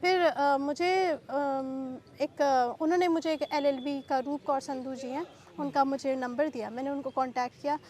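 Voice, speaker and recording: A woman being interviewed, recounting a painful personal ordeal in agitated speech, mixing English into Hindi and asking sharp rhetorical questions. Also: high-pitched, fairly even intonation, normal speed. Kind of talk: emotional personal account.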